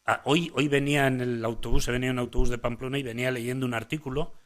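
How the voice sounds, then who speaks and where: A man's voice: medium pitch, fairly even intonation, fast talker, a bit bright. A man giving a conference lecture on child speech as a language psychologist, often restarting phrases and adding "eh?" tags as he points the audience to his slides. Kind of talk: conference lecture to parents and professionals.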